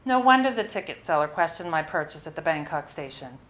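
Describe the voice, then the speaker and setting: A woman with a slightly low voice reads aloud a personal narrative she wrote, measured and expressive in the style of a live literary reading, occasionally stumbling over a word. The recording is low quality.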